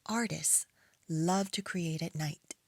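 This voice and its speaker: A woman reading aloud to young children as a preschool storytime host, in an expressive storytime voice. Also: on the low side, a little hiss or hum. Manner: storytime voice, slow and expressive with acted animal and object sounds.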